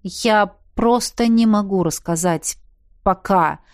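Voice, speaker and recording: A woman voicing a calm, secretive blond man, speaking softly and evenly. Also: mid-range voice, no room sound, studio quality, natural voice. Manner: soft, calm, measured.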